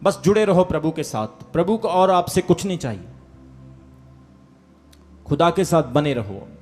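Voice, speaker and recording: Male pastor with a high voice, preaching live in church, calling for hallelujah and amen; faint music underneath. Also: animated, measured pace. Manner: tells quoted exchanges and a village anecdote. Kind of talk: sermon.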